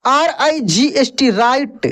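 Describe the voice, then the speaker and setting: A man's voice: extremely high pitch, expressive, slow, a bit bright. A man teaching English vocabulary in a lesson, spelling each word letter by letter, then repeating it and its meaning patiently, often checking in with the listener.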